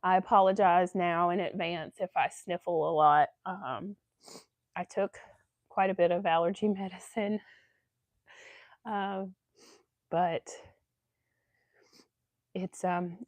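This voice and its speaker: Hosting a casual sewing livestream, a woman with a lowish voice talks slowly with long pauses, and there's no echo. She's stuffy from allergies and chats on in a rambling way, full of ums.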